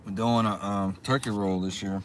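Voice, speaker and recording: Male livestreamer, low-pitched, casual and unhurried chat with viewers, recorded in a car with faint background noise. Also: steady tone. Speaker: livestream host, small YouTube channel. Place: inside a car.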